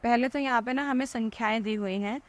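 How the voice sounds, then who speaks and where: A woman's voice: a little high, brisk. A woman teaching maths, asking questions and answering them herself as she explains each step.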